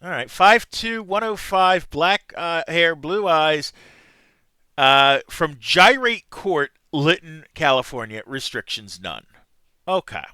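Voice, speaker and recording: A man playing through an old video game, reading the on-screen text aloud in between casual muttered asides. His voice is high and lively, with a bright edge. It is recorded close and dry. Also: takes it slowly, smooth, no room sound. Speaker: gameplay commentator.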